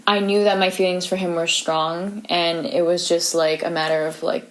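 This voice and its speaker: A young woman in her twenties speaks in casual, heartfelt conversation. Her voice sits a touch low, and she talks earnestly, looping through fillers as she opens up. She is reflective and sincere. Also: flat delivery, normal speed. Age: 20s. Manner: earnest, filler-heavy, tearful in places. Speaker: co-host of a couple's channel. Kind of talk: casual testimony chat.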